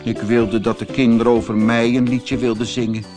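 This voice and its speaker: A man's voice: mid-range voice, little pitch movement, normal speed, over music, natural voice. A man voicing a lonely, sad male snail without a shell, in a plaintive, sighing storybook voice.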